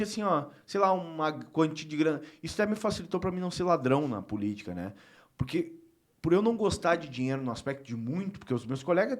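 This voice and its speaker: Emphatic, casual man with a higher voice. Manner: emphatic and heartfelt, with frequent filler tags; loose and informal, with mild swearing. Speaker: guest politician. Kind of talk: casual talk-show conversation.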